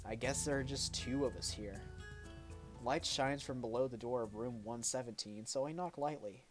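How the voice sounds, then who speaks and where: Male streamer, mid-pitched, loose and unpolished game read-aloud. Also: normal speed, music in the background. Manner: casual, unpolished reading with self-corrections. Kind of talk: reading a visual novel aloud.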